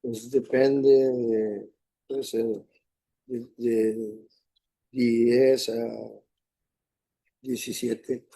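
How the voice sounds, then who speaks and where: A man's voice: medium pitch, flat delivery, extremely slow, long pauses, mellow, breathy edge, low-quality recording. A man who is a native Spanish speaker, giving courtroom testimony as a defendant. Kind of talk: courtroom testimony through an interpreter.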